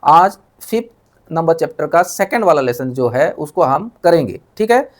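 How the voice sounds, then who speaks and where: A man's voice: a little high, big pitch swings, moderate pace. Repetitive, question-asking male maths teacher. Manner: repeats terms and asks rhetorical check questions; mixes in English technical terms. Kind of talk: explanatory online maths lesson.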